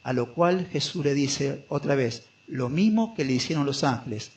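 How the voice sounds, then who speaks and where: A man preaching an expository sermon, who asks the congregation questions and answers them himself, and who drops to a soft, slow voice when he quotes scripture. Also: medium pitch, animated. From Argentina. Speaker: pastor.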